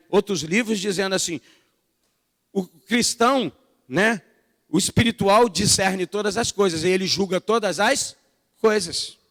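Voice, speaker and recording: Middle-aged pastor, storytelling sermon, high-pitched for a man, echoing church hall. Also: fairly bright tone. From Brazil. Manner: conversational, storytelling, addresses the congregation as brothers.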